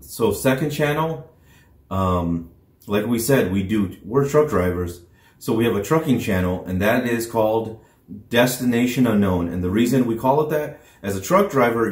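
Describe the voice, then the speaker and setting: A man in his thirties chatting casually to camera as a co-host, in a hesitant, halting way. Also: on the low side, animated. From Chicago, US. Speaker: food review co-host and channel presenter. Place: indoors, small room on a sofa. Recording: echoey room sound.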